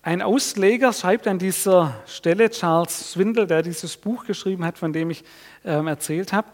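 High-voiced man preaching in a hall. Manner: lively storytelling with audience questions. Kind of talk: sermon. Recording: long reverb of a hall.

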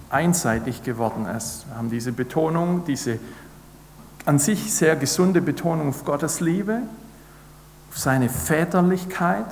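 A man's voice: mid-range voice, slight background noise. A man preaching a sermon, earnest and building to emphatic repeated declarations. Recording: echoey hall with long reverb.

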